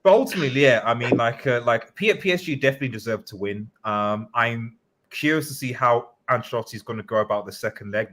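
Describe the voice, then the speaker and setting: Bright-voiced man in casual football chat. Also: on the low side. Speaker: football pundit on a panel. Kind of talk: casual post-match analysis chat.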